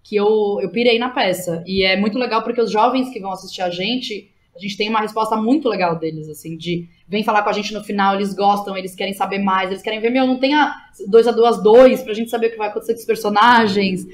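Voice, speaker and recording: She talks fast with few pauses, her voice mid-range. As a Brazilian playwright and theatre director guesting on a casual podcast, she slips into informal slang and keeps tossing out tag questions.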